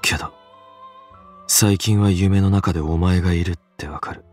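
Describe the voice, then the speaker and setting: A man's voice: low-pitched, fairly even intonation, quick pace, darkish tone, lightly acted. A man voicing a guarded young man in a visual novel, asking level, probing questions over game music. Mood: reflective. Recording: faint game music behind.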